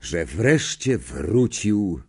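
Expressive male audiobook narrator. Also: on the low side, extremely slow, breathy edge. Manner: expressive, acts out characters. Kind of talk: scripted narration.

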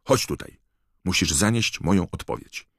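A man's voice: low voice, lively intonation, normal speed, dry recording, clean studio sound, voice pushed up. A man voicing a friendly teenage boy wizard in an audiobook. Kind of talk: audiobook character reading.

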